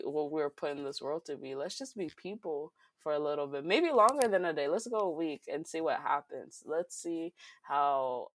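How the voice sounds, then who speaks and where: A woman's voice: sits low, dry recording. A teenage girl from Rhode Island, a youth activist guest, answering interview questions earnestly and retelling conversations with friends. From Rhode Island, USA. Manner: earnest, storytelling, quotes friends in lively voices.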